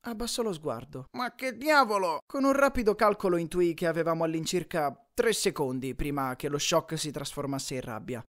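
A man narrating a first-person audiobook in a lively, expressive storytelling style. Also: on the high side, fairly quick, few pauses.

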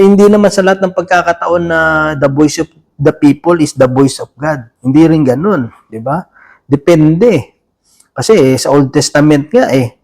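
A man's voice: fairly high pitch, darkish tone. Man preaching in a chatty way. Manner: conversational, often adding "di ba?" to draw in listeners; many restarts and fillers, chatty and informal. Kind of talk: sermon.

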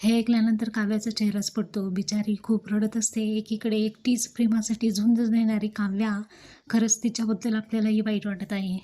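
A woman's voice: medium pitch, little pitch movement, moderate pace, mellow. A woman retelling the scenes of a TV serial episode as a story, reading out the characters' lines as she goes.

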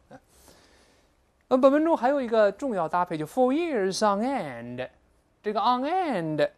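Here's a woman teaching English through a recorded lecture on a textbook. She sounds animated and keen to explain, with a somewhat low voice that moves around a lot. Whenever an English phrase comes up, she quotes it at a crawl.

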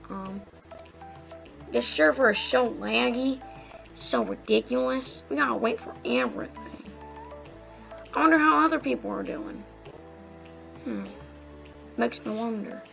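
With background music playing, an almost-twelve-year-old gaming video host talks slowly through gameplay, leaving long pauses. The casual, rambling commentary comes in a fairly bright, mid-range voice with vocal fry, slightly strained and full of slang.

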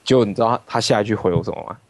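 A man hosting a livestream, telling stories in an animated way and swearing freely. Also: fairly low pitch, racing, no room sound. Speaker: livestream host. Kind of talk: casual storytelling chat. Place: his rented room at home.

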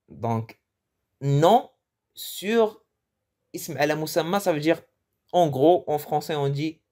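A man's voice: mid-range voice, a little mellow. A man giving a casual, joking vocabulary lesson, often restarting and correcting himself. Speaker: language teacher.

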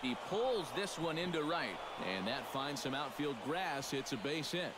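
A man playing a steady, polished play-by-play baseball announcer in a sports video game. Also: fairly high pitch, very noisy, lightly acted. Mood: steady, engaged. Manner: polished, measured broadcast delivery. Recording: loud stadium ambience behind the voice.

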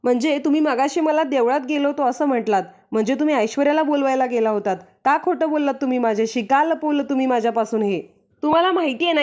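A furious young daughter-in-law, read out by a woman, who scolds a rival and pleads with her mother-in-law in a high, raised voice. She sounds accusing and pleading by turns. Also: a little mellow, muffled recording, lightly acted. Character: angry young woman confronting a schemer.

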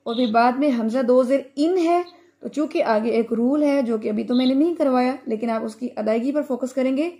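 A woman teaching Quran recitation in an online class, explaining rules slowly and then chanting each verse for her students to repeat. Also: high voice, mellow. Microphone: video call.

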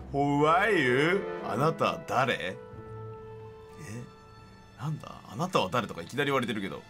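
A man giving excitable, jokey gameplay commentary as a streamer. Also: on the low side. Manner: excitable, laughing, jokey reactions. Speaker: game streamer.

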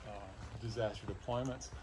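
A man from a disaster relief organization explaining a warehouse in a halting, informal way, with many fillers and restarts. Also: medium pitch, steady tone, noisy background. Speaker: disaster services warehouse staff. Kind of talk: informal guided tour explanation.

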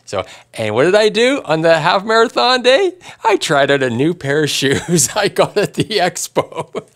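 A middle-aged man hosting a casual chat, rambling and halting, laughing often between words. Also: on the high side, very animated, a bit bright. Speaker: podcast host and musician.

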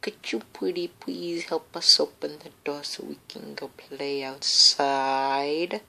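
Lady playing a tiny helpless puppy toy begging sweetly, low slow sharp voice, noisy phone audio. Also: full character voice. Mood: pleading. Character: small pleading puppy toy asking big lion for help. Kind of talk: homemade plush toy puppet play. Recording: noisy amateur phone camera recording.

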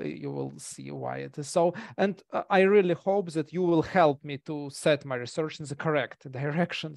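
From a small indoor room, a Russian man presents at an academic conference over a video call using a gaming headset mic. He's hesitant, with many fillers and restarts. His voice is a little high, and the recording is dry and clean like a studio.

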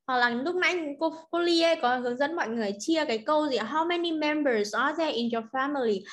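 High-voiced Vietnamese woman teaching pronunciation. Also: a bit bright. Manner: chatty, drawn-out model sentences. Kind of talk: online class, mixing Vietnamese and slow English.

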